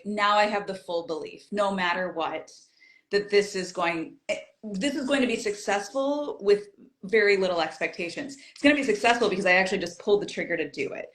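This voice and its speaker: In a roomy-sounding recording, a woman with a mid-range voice chats as an interview guest. As founder of a community group, she recounts stories in a casual conversation and acts out her earlier thoughts.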